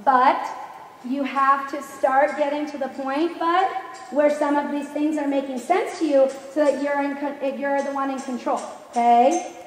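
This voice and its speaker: A woman riding instructor coaching a live lesson with brisk, projected commands, firm and instructive, often checking understanding with questions. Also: high voice, fairly even intonation. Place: large echoey riding arena. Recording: echoey hall, distant mic, background noise.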